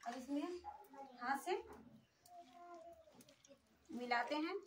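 A woman's voice: high-pitched, slow. A woman vlogger casually explaining each step as she cooks in a small village kitchen. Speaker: cooking vlogger. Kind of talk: casual cooking narration. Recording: distant phone audio with sizzling noise.

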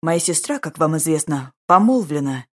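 A woman voicing a stern older brother who speaks with indignation, hissing and gloomy, read with a husky voice. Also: sits low, animated, normal speed. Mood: indignant.

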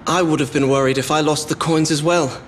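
A man's voice: a little high, steady tone, brisk, a little hiss or hum, natural voice. A man playing Cornelius, an earnest pooka prince. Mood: worried. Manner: earnest, indignant. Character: young male rabbit-like pooka prince, earnest. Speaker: game character. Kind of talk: video game voice acting. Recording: roomy reverb under game music.

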